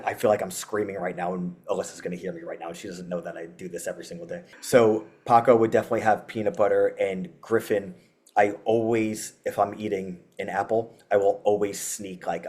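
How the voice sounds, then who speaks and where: This metal band frontman has a voice on the low side and slightly mellow. As a guest on a podcast, he chats casually in interview style, wandering off topic, laughing, and scattering filler words throughout.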